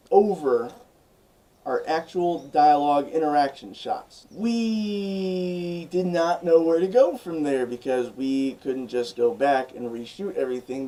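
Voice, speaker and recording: A man telling a story on his vlog in an animated, chatty way, often saying "like". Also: a little high, low-quality recording. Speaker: vlogger.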